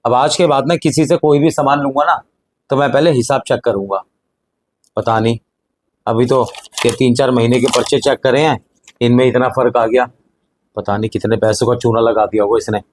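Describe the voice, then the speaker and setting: A middle-aged man acting as an elder brother and husband in a family drama, speaking in a calm, reasoning way that sometimes sinks quiet. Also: mid-range voice, moderate pace, close to an everyday voice.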